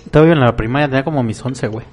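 A young man with a Mexican accent, telling a story as a podcast co-host in slangy, animated chat. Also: medium pitch, very fast. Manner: slangy, animated, laughs often, acts out voices in his story.

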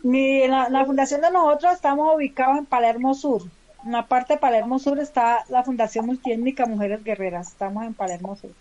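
A high-pitched female voice with a Valle del Cauca Colombian accent, heard over a dull, lo-fi connection. She is a community leader chatting in an interview, repeating words and correcting herself as she goes. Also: fairly even intonation, mellow. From Palmira, Valle del Cauca, Colombia. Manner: halting, repeats words and self-corrects often. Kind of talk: casual conversational interview. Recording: dull lo-fi remote call.

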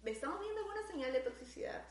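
A woman's voice: very high voice, very animated, racing. A young woman, co-hosting a podcast and chiming in with agreeing, thoughtful remarks. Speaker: podcast co-host. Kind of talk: casual chat. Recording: roomy echo.

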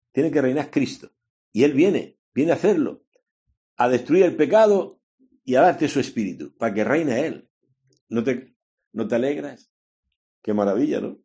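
Male preacher, sermon, mellow and warm tone, exhorting with rhetorical questions. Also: lowish voice. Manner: exhorting, rhetorical questions, acts out quoted voices.

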